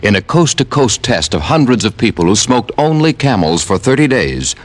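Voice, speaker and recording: Smooth old-time radio announcer, man. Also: mid-range voice, very animated, normal speed. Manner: smooth, persuasive. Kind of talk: 1950s radio commercial announcing.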